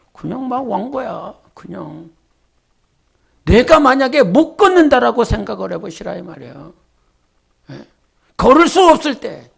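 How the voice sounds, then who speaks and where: A middle-aged male pastor preaching in a church, talking to the congregation in a conversational way, with quiet asides and loud emphatic calls. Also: high-pitched, gravelly, husky. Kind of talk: sermon. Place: church sanctuary.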